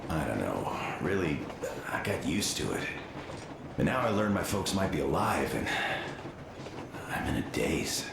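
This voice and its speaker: A man's voice: rumbling low, very animated, unhurried, creaky, full character voice. A man playing a homesick, stoic and loyal soldier in a video game. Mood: wistful. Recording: very echoey, noisy game audio.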